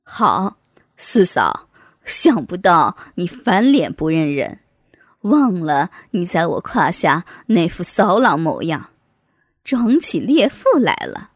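Sneering, vindictive hunchbacked man in an audiobook, deep and menacing, put on by a woman narrator. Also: sing-song, takes it slowly, slightly rough, no room sound, clean studio sound, exaggerated voice. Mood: threatening. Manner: low, taunting, threatening.

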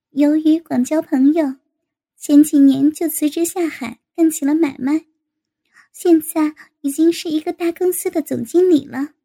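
Woman reading a story out, super high voice, gravelly. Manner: steady storytelling. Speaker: narrator. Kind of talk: read-aloud story narration.

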